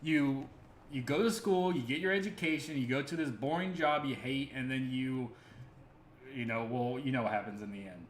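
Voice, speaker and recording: A man's voice: medium pitch, normal speed. An earnest man rambles through casual livestream talk, circling back with fillers and self-corrections. His mid-range voice rings in an echoey room with a faint ambient hum beneath. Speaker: crypto stream host.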